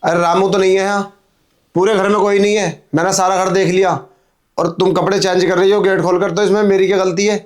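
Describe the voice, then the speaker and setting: A man's voice: sits high, flat delivery, brisk, lightly acted. A man playing a pushy young milkman who wheedles and insists in a melodramatic drama. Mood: insistent. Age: young adult.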